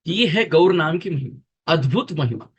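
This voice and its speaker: A man giving a devotional sermon, explaining earnestly with emphatic repetition and chanting verses in a slow, drawn-out voice. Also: on the high side, expressive, breathy edge, muffled recording. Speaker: preacher.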